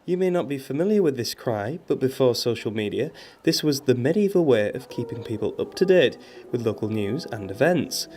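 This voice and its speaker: A man's voice: mid-range voice, animated, moderate pace, darkish tone, slight background noise. Male local news reporter, scripted narration.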